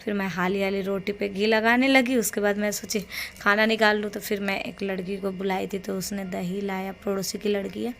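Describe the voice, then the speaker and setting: Young woman vlogging, voice worn rough. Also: mid-range voice, little pitch movement, normal speed, fairly bright tone, slight background noise. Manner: rambling, chatty storytelling of chores. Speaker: home vlogger. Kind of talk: casual daily-life vlog narration. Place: at home.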